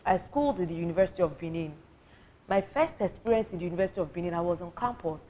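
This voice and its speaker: Speaking in a low-ish, dark, expressive voice at rapid-fire pace, a women's advocate from Nigeria makes her case earnestly during a studio talk show discussion. She has a Nigerian accent and drives her points home by restating them.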